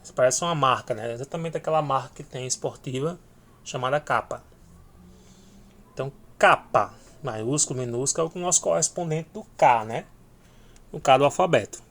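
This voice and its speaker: A man teaching a video lesson, speaking slowly and repeating each letter name for learners to follow. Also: mid-range voice, a bit bright.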